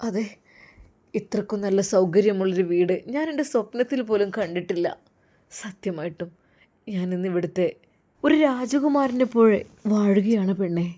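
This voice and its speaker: A woman voicing a gentle, sorrowful male religious teacher in a lowered, soft voice. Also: normal speed, long pauses, natural voice. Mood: tender.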